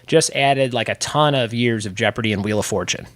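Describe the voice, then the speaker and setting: A man in his thirties hosting a casual trivia podcast from a home room, chatty and upbeat with quick laughs. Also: medium pitch, no echo. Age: 30s. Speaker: podcast host.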